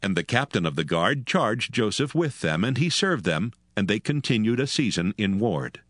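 A man narrating scripture in a solemn, formal, measured storytelling style. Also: lowish voice, big pitch swings, dry recording, studio quality.

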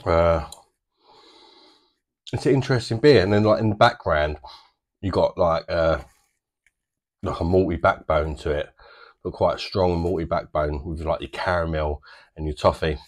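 A man's voice: low-pitched, normal speed, long pauses. A man in his thirties with a British accent, casually reviewing a beer to camera from a small home bar, chatty and easygoing with plenty of fillers. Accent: British English.

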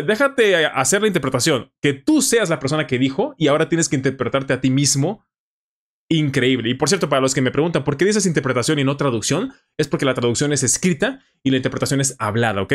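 A man with a Mexican Spanish accent giving casual, animated reaction commentary on someone's English. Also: a little high. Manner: animated, enthusiastic, frequent fillers. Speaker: YouTuber analyzing English.

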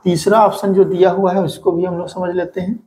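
A man's voice: sits high, flat delivery, brisk, dark tone. A man teaching an exam-prep lesson, who keeps asking rhetorical questions and answering them himself. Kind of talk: explaining a lesson.

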